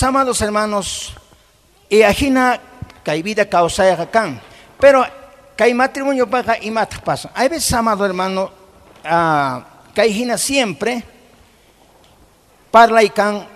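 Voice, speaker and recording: Middle-aged pastor, high gravelly voice, punchy sermon delivery, keeps quizzing the flock, church hall echo trails off. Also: male voice, a bit bright. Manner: emphatic, keeps asking the congregation questions; mixes in Quechua words. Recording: long hall reverb.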